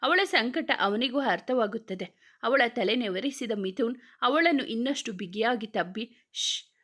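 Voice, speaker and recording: A woman's voice: fairly high pitch, lively intonation, a little slow, fairly bright tone. Woman narrating a romance story.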